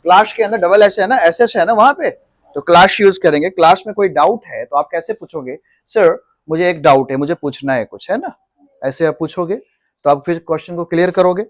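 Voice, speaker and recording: A man's voice: sits high, a little fast. A male coaching-class teacher leading a lesson in a classroom. He mixes Hindi and English, asks the class short questions and has them repeat the answers. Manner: drills the class with call-and-response questions; repeats and corrects words patiently. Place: classroom with a board.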